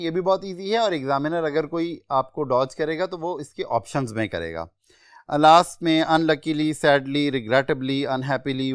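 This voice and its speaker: Pakistani guy teaching vocab for an exam, calm and explaining, lists words one by one, dry close sound. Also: fairly high pitch, no echo. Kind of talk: exam-prep vocabulary lecture.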